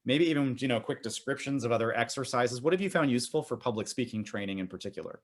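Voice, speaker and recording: A man guest-hosting a podcast panel, asking questions and adding ideas with an enthusiastic, warm manner. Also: medium pitch, fast. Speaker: guest host. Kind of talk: moderating a panel discussion.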